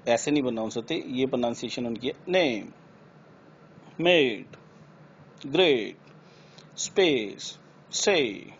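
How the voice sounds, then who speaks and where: Man teaching, words stretched out. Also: mid-range voice. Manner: says example words louder and drawn out. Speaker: English pronunciation teacher. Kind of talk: explanatory lesson. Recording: slightly dull with faint background noise.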